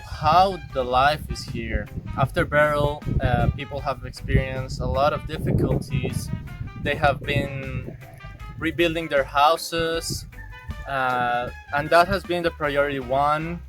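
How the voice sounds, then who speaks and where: A man from Bolivia giving a measured, reflective testimonial as a program participant. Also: a little high, music in the background.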